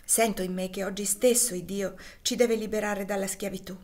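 A woman's voice: mid-range voice, steady tone, brisk, a little mellow, natural voice. A woman voicing a young mother escaping slavery in an audiobook, speaking with tender, emotional feeling. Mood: hopeful tender. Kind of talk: audiobook dialogue.

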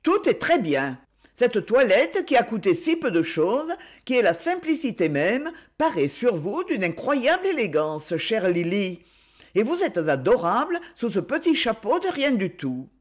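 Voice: mid-range voice, big pitch swings, measured pace. A reader playing a poised, fashion-wise young woman. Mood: approving.

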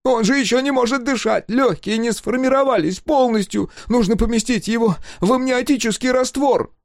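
Shrill manic little engineer. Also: male voice, moderate pace, no room sound, studio quality. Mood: frantic. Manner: frantic, shrill, pleading.

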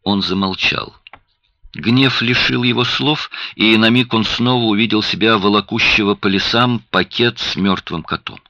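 A man narrating an audiobook in an expressive, dramatic reading style. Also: fairly low pitch, normal speed, no room sound. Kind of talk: scripted narration. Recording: dry, dull lo-fi sound.

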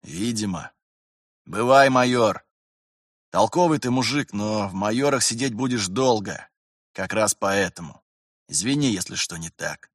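A man voicing a gruff, weary middle-aged officer who grumbles and lectures in curt phrases. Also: on the low side, expressive, unhurried, dry recording, studio quality.

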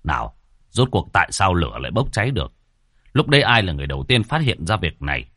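A man voicing a steady older village man in a ghost story, speaking low and calmly. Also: fast talker, dry recording, clean studio sound, full character voice. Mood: questioning. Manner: low, calm and commanding.

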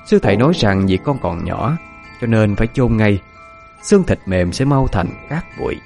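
A man narrating a dark story in a dramatic, expressive reading. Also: on the low side, moderate pace, creaky, music in the background. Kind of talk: scripted narration of a ghost story.

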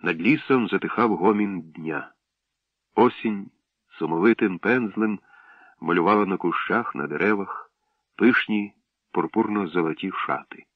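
Low-voiced man narrating a story. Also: no room sound. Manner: measured, expressive reading. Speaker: audiobook narrator. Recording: dull lo-fi, dry.

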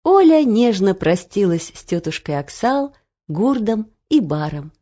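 A woman narrating a children's story in an expressive storytelling manner, on a dull, muffled audiobook recording. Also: medium pitch, measured pace.

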